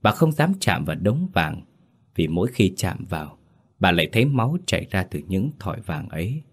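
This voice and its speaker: Deep-voiced man narrating a horror story. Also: very animated, moderate pace, husky. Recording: faint background music.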